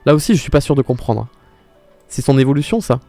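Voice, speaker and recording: A young male streamer with a mellow, dark-toned voice, chatting casually and exclaiming as he answers his viewers. Faint music plays behind him. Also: medium pitch, lively intonation, quick pace, dry recording. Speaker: live streamer. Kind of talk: casual live-stream commentary.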